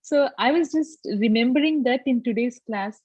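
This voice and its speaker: A woman with a South Indian accent sharing a personal reflection on an online group call, halting as she searches for words. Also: on the high side, a little mellow, slightly rough, no echo. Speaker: class participant. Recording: dull, muffled online call audio.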